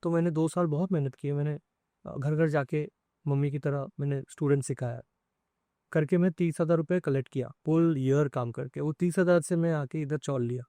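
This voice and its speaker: A man, a music composer, sharing an emotional personal story in an interview, speaking in a soft, halting way. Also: fairly high pitch, no echo.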